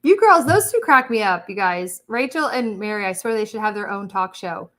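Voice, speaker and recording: A woman's voice: medium pitch, expressive, moderate pace, fairly bright tone. A chatty woman hosting a casual livestream, laughing often and reading viewer comments. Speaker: livestream host.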